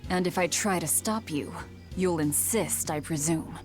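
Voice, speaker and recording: An actress playing a guarded, stern young woman warrior in a video game, speaking in a curt, measured way. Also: on the low side, close to an everyday voice. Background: game music.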